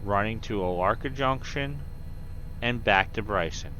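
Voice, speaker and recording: A man's voice: on the low side, unhurried, pushed and bright, slight background noise. A man chatting during an online train game, patiently explaining the track layout and what each train is used for. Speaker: fellow player. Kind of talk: casual gameplay chat.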